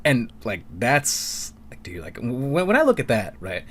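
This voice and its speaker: Young man, podcast co-host, casual chat, lively pitch, laughs a lot, trips over words. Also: moderate pace. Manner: animated, laughing, stumbling restarts.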